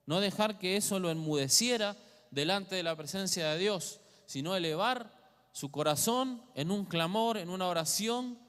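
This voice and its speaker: A man's voice: a little high, a bit bright, smooth. A man with an Argentine Spanish accent preaching a teaching sermon in church, asking the congregation questions as he goes. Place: church hall. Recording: long hall reverb.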